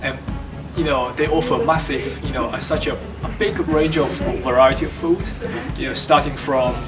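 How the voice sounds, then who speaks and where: A man's voice: medium pitch, fairly even intonation, moderate pace. A man with a Japanese accent answering as a student in a casual interview, speaking hesitantly and often rephrasing himself. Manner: hesitant, repeats and rephrases phrases. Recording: distant mic, loud music behind.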